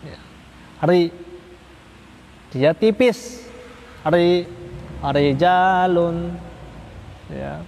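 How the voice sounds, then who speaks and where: A man teaching Quran recitation rules in a patient, repetitive way, drawing out the example words slowly. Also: on the high side, a little hiss or hum. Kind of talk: religious study lesson. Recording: long reverb from a hall.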